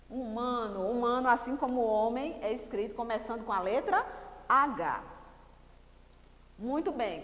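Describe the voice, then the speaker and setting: A woman's voice: high voice, a bit bright. A woman with a Brazilian Portuguese accent, a primary school teacher giving a recorded lesson for children, patiently repeating key words and quizzing her pupils. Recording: echoey room with long reverb.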